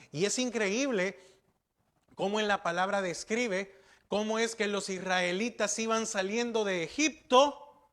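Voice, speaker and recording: A man's voice: high-pitched, fairly bright tone. A man pastor preaching a sermon, asking rhetorical questions and repeating key words for emphasis.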